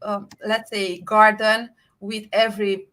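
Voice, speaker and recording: A woman's voice: mid-range voice, flat delivery, a little slow, a bit bright. A woman from Romania with a Romanian accent, a guest on a live-streamed interview who talks enthusiastically and rambles, with many "uh"s. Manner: enthusiastic, rambling with frequent fillers. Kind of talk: conversational interview.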